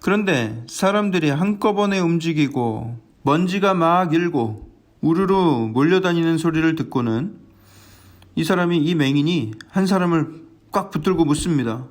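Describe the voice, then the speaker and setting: Male pastor, earnest dawn sermon, fairly high voice, lively delivery. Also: moderate pace. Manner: earnest, animated, acts out scenes. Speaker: senior pastor.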